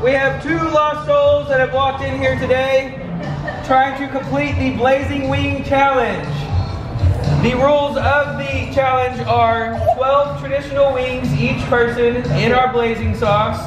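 A man calling out the rules of a challenge as a loud public announcement in a restaurant. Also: extremely high pitch, little pitch movement, measured pace. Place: large indoor sports-bar restaurant. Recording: echoey restaurant with loud music.

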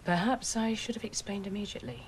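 An actress playing a middle-aged, composed social worker who speaks in a measured, official way in a television drama. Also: female voice, medium pitch, sing-song, husky. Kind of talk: naturalistic television drama acting. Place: office indoors.

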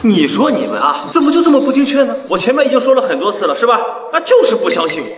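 A man's voice: extremely high pitch, very animated, racing. An actor playing a smug young male healer who talks down to others with teasing chuckles. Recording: echoey hall with background noise.

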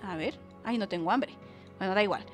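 A woman's voice: mid-range voice, a little fast, music in the background. A woman giving chatty let's-play commentary to her viewers, prone to sudden shrieks and squeals. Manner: excitable, bursts into shrieks and squeals; chatty, talks to viewers as she plays. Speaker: gaming channel host.

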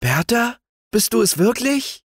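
A homesick young man from a fairy tale, gentle and yearning, his voice raised a little and husky, as a narrator puts him on. He speaks in a slightly lighter tone than the narration. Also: a little high, big pitch swings, unhurried, dry recording, studio quality, voice pushed up, heavily acted. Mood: tender.

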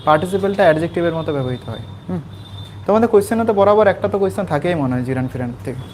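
A man's voice: on the high side, lively intonation, darkish tone, slight background noise. A man from West Bengal tutoring school students in English, explaining a textbook passage step by step and stopping often to check that they follow. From West Bengal, India. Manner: patient, repetitive, checks understanding with quick questions. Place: small class with students present.

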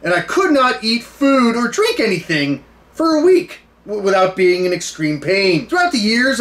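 An American man in his thirties hosting a food challenge to camera, talking casually and haltingly with mock-serious bravado. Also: very high-pitched. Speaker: food challenge video host. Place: small indoor room full of memorabilia.

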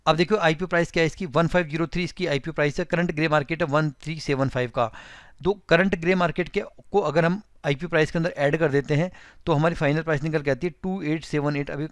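Brief: Indian man, tutorial host, fairly high smooth voice, dry close mic, chatty step-by-step explainer. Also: fairly even intonation, fast, dry recording. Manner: conversational, explains step by step, addresses viewers as friends. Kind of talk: screen-recorded explainer with annotations.

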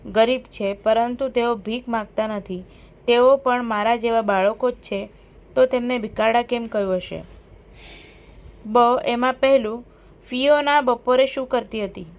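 Woman dictating workbook answers, fairly high voice. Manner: steady dictation pace, listing answers. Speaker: teacher.

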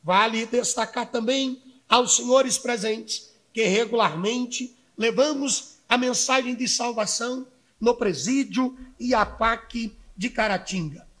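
Pastor from Minas Gerais, 30s, speaking at a podium mic in a council chamber. Very high voice, slow and measured delivery. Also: male voice, fairly bright tone. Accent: Brazilian Portuguese, Minas Gerais. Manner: measured, solemn, reading from notes. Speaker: church pastor giving a speech. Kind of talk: formal prepared speech read at a podium. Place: city council chamber, indoors. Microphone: podium microphone.

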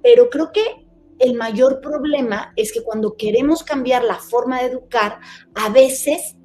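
A woman interview host with a fairly high voice. She works toward her questions in a conversational way, repeating small words as she goes. Faint music plays underneath. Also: unhurried, warm tone. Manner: searching for words with repeated "que, y".

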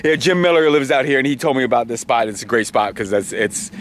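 A man in his forties talks to his camera outdoors on a shell beach by open water. He tells his day in a loose, halting way, restarting his sentences and trailing off. The sound is close and plain, from a camera held near him. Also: mid-range voice, expressive, slight background noise. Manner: rambling, halting, with frequent restarts and small laughs. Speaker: kayak travel vlogger. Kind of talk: casual outdoor video diary. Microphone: handheld camera or lapel, close framing.

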